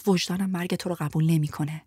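A woman's voice: fairly low pitch, fairly even intonation, slightly rough, dry recording, studio quality. A woman voicing a bruised, fierce young woman urging escape, in a whispered role-play. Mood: urgent. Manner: urgent hushed pleading.

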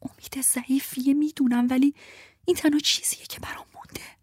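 Whispered role-play of a frail, feverish young woman, scared yet stubborn, as a woman puts her on. Her voice sits high and tight, breathy and husky in a dry close space. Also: animated, dry recording. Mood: frightened. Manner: frightened hushed refusal.

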